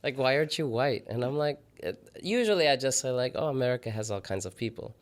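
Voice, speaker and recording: A man's voice: mid-range voice, expressive, quick pace. A man co-hosting a casual podcast, telling laid-back anecdotes with easy laughter and casual swearing. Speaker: podcast co-host. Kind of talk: casual chat.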